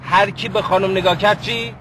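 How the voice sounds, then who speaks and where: A man's voice: high-pitched, fairly even intonation, sharp tone, slight background noise. An actor playing a bossy man who gives his bodyguard orders in a commanding, threatening manner.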